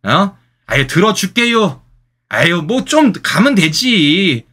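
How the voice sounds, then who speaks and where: Man doing a put-on Chungcheong accent, laid-back countryman, drawling, slow, sighing, bright. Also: sits high, pitched above the performer's own voice, heavily acted. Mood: unbothered. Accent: Chungcheong Korean, put on. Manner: drawling, relaxed, soothing sighs. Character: easygoing unhurried Chungcheong countryman, middle-aged.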